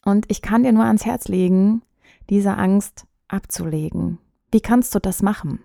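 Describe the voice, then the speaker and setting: A woman voice coach hosting a podcast, giving calm, direct advice to the listener. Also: medium pitch, unhurried, vocal fry, no echo, clean studio sound.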